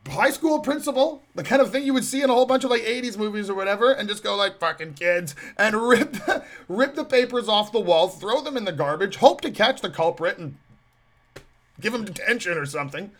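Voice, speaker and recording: A man delivers a solo podcast rant in a high, gravelly voice. He mocks and scoffs, circling back with many restarts. The sarcasm never lets up. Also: animated, a little fast, a bit bright. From Canadian prairies. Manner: sarcastic and mocking, rambling with restarts. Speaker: podcast host.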